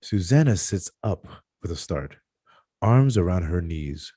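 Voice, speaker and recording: A man with a low, husky, warm voice reads screenplay stage directions aloud at a script table read, expressive and a little slow, now and then tripping over a word and fixing it. It's scripted narration delivered live, and the studio sound is clean with no echo.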